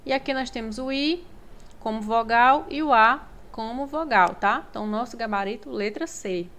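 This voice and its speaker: A woman's voice: fairly high pitch, normal speed, a bit bright. Patient woman teaching grammar. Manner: patient, repeats key words, checks in with "tá?" and "ó". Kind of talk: grammar lesson explaining exam questions.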